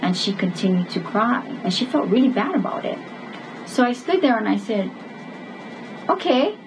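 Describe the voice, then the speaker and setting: A woman gives a parenting lesson as a webinar, speaking at a mid pitch. She tells stories from her own work in an earnest way and acts out the dialogue. Faint music plays in the background. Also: lively intonation, brisk, poor audio. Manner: earnest storytelling, acting out quoted dialogue. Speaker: parenting educator.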